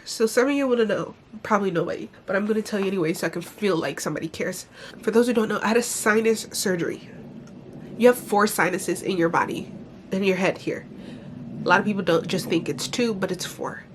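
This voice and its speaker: A woman's voice: mid-range voice, a little fast, a little hiss or hum. A young adult woman with a congested, blocked-nose sound, talking candidly and informally in a casual personal vlog, complaining with some mild swearing. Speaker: vlogger.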